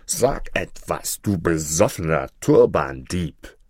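A man voicing a drunk, furious merchant who bellows slowly, in a storybook reading. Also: low-pitched, expressive, no room sound, clean studio sound, exaggerated voice. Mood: drunk angry. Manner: drunken, bellowing, slurred slowness.

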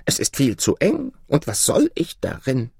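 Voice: mid-range voice, wildly swooping pitch, measured pace, darkish tone, husky, dry recording, studio quality, pitched below the performer's own voice, full character voice. A storyteller voicing a proud, hot-tempered young male lion king in a storybook reading, with a grand, commanding manner. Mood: doubtful.

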